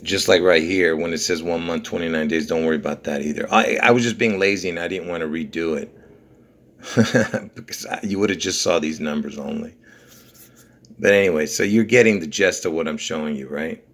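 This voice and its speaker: A man's voice: low-pitched, moderate pace. Rambling, insistent man walking through numbers. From Lebanon. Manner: rambling, insistent, repeats numbers, frequent "okay?" and "you see?". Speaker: video host. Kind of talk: conspiracy numerology video walkthrough.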